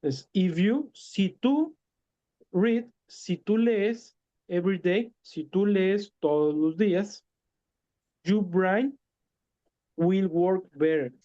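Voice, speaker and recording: A man walks through an English lesson in Spanish, speaking slowly and patiently, repeating and translating each word. His voice is soft and mellow, full of hesitations and small corrections. The recording sounds dull and lo-fi. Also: sits high. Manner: many hesitations and self-corrections. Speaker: English teacher.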